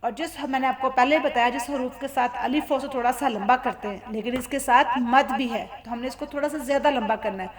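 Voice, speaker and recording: A woman's voice: high-pitched, brisk, hardly any pauses. A woman teaching Quran recitation from Pakistan. She spells out letters and vowels patiently and draws out syllables so learners can repeat them.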